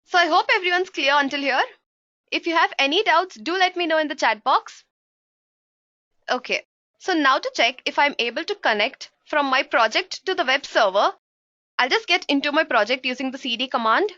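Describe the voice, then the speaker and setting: A programming instructor with a high, bright voice leads a live coding tutorial at a moderate pace, animated as she walks through each step and keeps calling her listeners guys. Her dull, dry livestream headset mic picks up no room sound at all.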